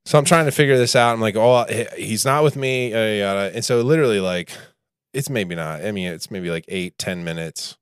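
A man with a fairly low voice co-hosts a casual podcast. He tells a rambling family anecdote in a relaxed, good-humored way. The sound is dry and close. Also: brisk, smooth, dry recording. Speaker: podcast co-host.

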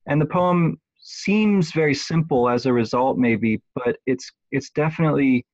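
A man in a relaxed conversation, thinking aloud about a poem with frequent pauses and restarts. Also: mid-range voice, no echo. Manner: hesitant, many restarts and ums. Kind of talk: thoughtful conversational close reading. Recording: dull lo-fi dry sound.

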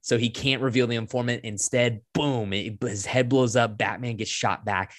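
A man co-hosting a podcast, excitedly retelling a movie scene by scene in run-on sentences, swearing freely. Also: medium pitch, moderate pace, no echo, clean studio sound. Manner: excited, profane scene-by-scene recap; breathless run-on storytelling. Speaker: podcast co-host. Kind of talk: casual movie review chat.

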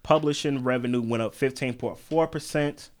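A man at a middle pitch, running a relaxed podcast conversation about record labels. He talks loosely, with slang and many filler words. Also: normal speed. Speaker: podcast host. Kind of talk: casual chat about music business.

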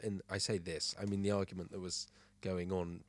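A man co-hosting a casual podcast, talking in wry, measured asides. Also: sits low, level tone. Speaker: podcast co-host. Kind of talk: casual chat.

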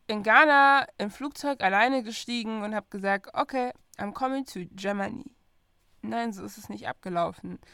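A young woman co-hosting a relaxed conversation, animated and quick to laugh. She drops English phrases into her talk now and then. The recording is dry and close, with no room sound. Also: medium pitch, smooth, no echo. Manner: lively, mixes English phrases into German, laughs often. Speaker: podcast co-host. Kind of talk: casual chat.

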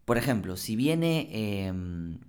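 A man co-hosting a podcast, talking in a reflective, halting way with frequent restarts. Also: on the low side, big pitch swings, a little mellow, smooth. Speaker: podcast co-host. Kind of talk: casual conversation.

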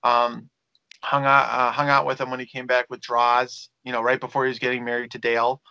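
A man's voice: mid-range voice, little pitch movement, brisk, gravelly, pushed and bright, smooth, dry recording, muffled recording. A man who works as a wrestling promoter and manager, telling stories in a rambling interview with many fillers and restarts. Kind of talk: casual storytelling interview.

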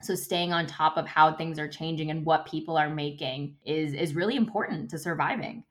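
A woman's voice: low-pitched, moderate pace. A woman co-hosting a podcast in casual, chatty conversation, full of "like" and "you know". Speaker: podcast co-host. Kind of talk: casual chat.

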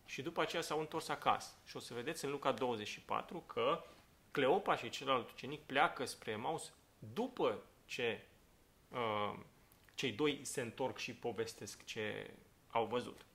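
Male pastor, mid pitch, gravelly, unhurried Bible teacher who pauses to check the listener is following. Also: fairly bright tone. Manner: thinking aloud with many fillers, checks in with "da?".

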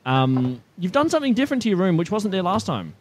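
A man's voice: high voice, big pitch swings, quick pace. A man with an Australian accent, hosting a radio show in casual, playful banter. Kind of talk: casual chat.

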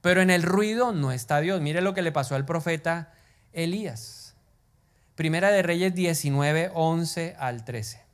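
A man preaching a sermon, animated, sometimes dropping to a whisper and putting questions to the congregation. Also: a little high, measured pace. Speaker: pastor.

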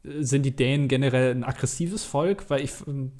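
A male podcast host with a relaxed, mellow tone and a medium-pitched voice. He chats casually and jokingly, rambling along and often restarting his words. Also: moderate pace.

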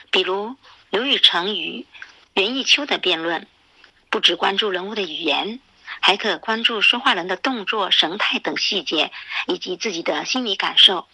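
A woman with a very bright, forceful voice speaks as a teacher giving feedback. She is formal and instructive, reading measured commentary, recorded close and dry. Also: medium pitch, breathy edge, no room sound, rough recording. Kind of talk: scripted commentary.

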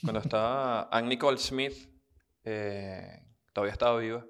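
A Venezuelan man trades jokes in loose podcast banter. His voice sits at an ordinary middle pitch, and he keeps up a teasing, quick-witted patter. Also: a bit bright, clear, resonant tone. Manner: joking, teasing, quick asides. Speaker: podcast co-host, comedian.

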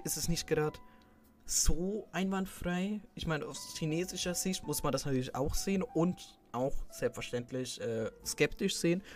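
A young man talking casually in a rambling way, with many fillers and restarts. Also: on the high side. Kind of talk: casual chat.

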